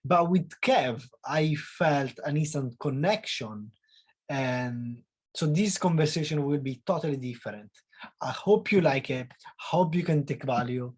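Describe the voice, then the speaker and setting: With a voice on the high side and a darkish tone, an Italian man in his twenties talks at normal speed as host of a casual podcast chat. He speaks English with an Italian accent, eager and talkative, and he searches for words. The recording is dry.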